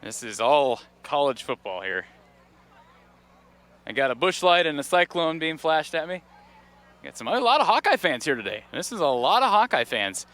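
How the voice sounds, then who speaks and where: A man reports live from outdoors, strolling through a tailgate crowd. His voice sits a bit high and sounds bright and forward. He chats in an upbeat, easygoing way as he stops people along the row. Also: big pitch swings, moderate pace. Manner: upbeat, chatty, interviews passersby. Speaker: on-scene reporter. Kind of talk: live roving field report. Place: outdoor tailgate lot near a stadium.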